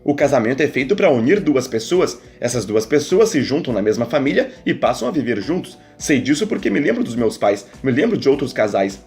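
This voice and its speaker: A man's voice: mid-range voice, big pitch swings, fairly quick, few pauses, darkish tone, faint music behind. A man reading aloud, voicing an innocent, earnest young man who talks firmly and a little confused. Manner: earnest, firm.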